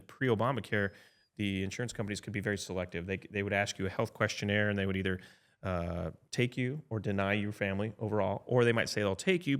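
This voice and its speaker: This advisor, a man in his fifties, has a lowish, slightly bright voice as he explains insurance choices on a loose, casual podcast. His style is chatty: he reasons aloud, restarts sentences, and keeps checking in with a quick "right?"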